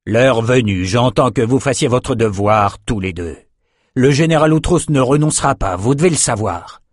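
A man voicing a gruff, demanding older father who scolds his son in a storybook reading. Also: mid-range voice, lively intonation, moderate pace, no room sound, clean studio sound, pitched above the performer's own voice, close to an everyday voice. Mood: stern. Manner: scolding, insistent.

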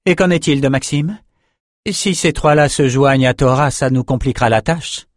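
Male reader doing a female sorceress, commanding, raised pitch, dry audiobook sound. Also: normal speed, dry recording, lightly acted. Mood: concerned. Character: proud wary female sorceress.

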